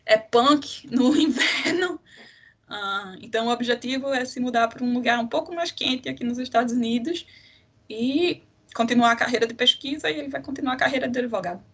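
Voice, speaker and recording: A woman's voice: a little high, fairly quick, slightly rough. A woman in her twenties with a Brazilian accent from Recife, giving chatty advice as an interview guest and mixing in English terms. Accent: Brazilian Portuguese, from Recife. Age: 20s. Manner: chatty, restarts sentences, mixes in English terms. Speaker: interview guest, doctoral student.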